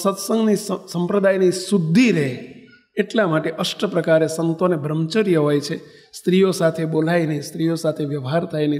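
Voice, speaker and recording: A monk delivers a sermon as an unhurried story, speaking in a notably high voice for a man. He speaks conversationally and stops to fix his own slips. He addresses his listeners directly as he tells it. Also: darkish tone, long reverb tail. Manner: conversational, corrects himself mid-sentence. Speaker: monk and spiritual leader.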